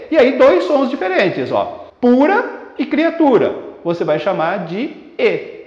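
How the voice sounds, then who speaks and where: A man with a Brazilian Portuguese accent teaching a poetry lesson for exam students, explaining step by step and slowing down to read verses aloud. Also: sits high. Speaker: literature teacher. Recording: roomy echo, dull lo-fi sound.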